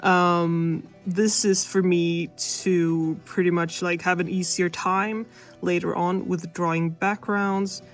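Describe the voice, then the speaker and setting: A woman's voice: fairly low pitch, little pitch movement, slow. Casual, self-deprecating woman vlogger over music. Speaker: animation student vlogger. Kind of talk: casual devlog voice-over narration. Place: under a blanket indoors, processed in editing. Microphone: older camera used as mic.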